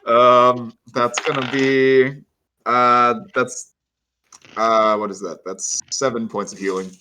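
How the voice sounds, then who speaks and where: A man's voice: medium pitch, level tone, slow, bright, forceful tone, a little hiss or hum. A young man playing a tabletop game, casual and hesitant, often laughing. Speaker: player.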